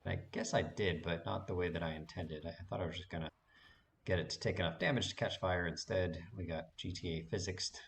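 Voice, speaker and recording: A man hosting a gaming channel, giving relaxed, chatty gameplay commentary with plenty of filler words. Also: low-pitched, a little fast, gravelly.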